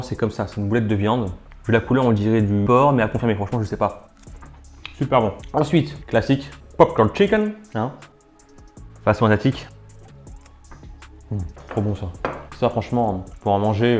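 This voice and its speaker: A man hosting a food challenge video, chatting casually with lots of fillers while he cooks and tastes dishes at home. His voice sits at an ordinary middle pitch, and he talks between bites, sometimes with his mouth full. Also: a little mellow. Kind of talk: casual food vlog commentary. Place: at home kitchen and dining table.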